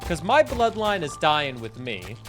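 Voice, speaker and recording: Soft background music accompanies a fairly high-pitched man speaking at a measured pace. He's in his twenties, from New England in the United States, and casually chats with his live-stream viewers during a game, animated and engaged as he reads and answers their messages.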